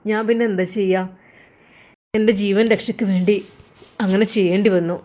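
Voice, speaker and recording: Calm young man as told by a woman, reassuring, forgiving, steady. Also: mid-range voice, fairly quick, close to an everyday voice.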